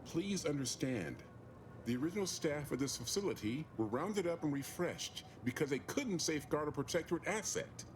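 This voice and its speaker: An actor playing a weary, stubborn chief mechanic in a video game. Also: male voice, fairly high pitch, animated, normal speed, noisy background, natural voice. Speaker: game character.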